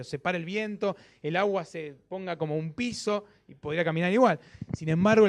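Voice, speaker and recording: High-voiced Rioplatense pastor preaching. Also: male voice. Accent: Rioplatense Spanish. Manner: questioning the congregation with frequent "¿sí?"; repeats phrases for emphasis. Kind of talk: sermon.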